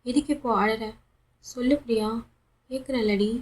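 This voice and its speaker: A woman's voice: a little high, normal speed, darkish tone, natural voice. A woman voicing a blunt, protective young woman friend in a romance audiobook, speaking in a scolding way.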